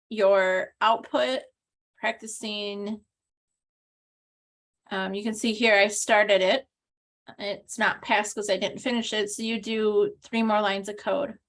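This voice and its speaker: A woman with a mid-range, slightly bright voice leads an online class over a video call. In this recorded walkthrough, the instructor explains each step, often saying "um" and starting her sentences over.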